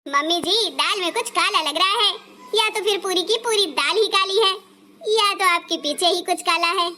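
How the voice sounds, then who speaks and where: A sharp-tongued elder daughter-in-law from a cartoon, voiced by a woman. Her voice is high and bright. She speaks with constant sarcasm and accusation. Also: normal speed, slight background noise. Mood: sarcastic. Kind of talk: Hindi cartoon dubbing.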